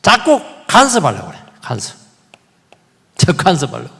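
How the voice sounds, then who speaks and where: A male pastor preaching a sermon in a church, animated, repeating key words and putting questions to the congregation. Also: fairly high pitch, normal speed, creaky, husky, big-room sound. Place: church sanctuary.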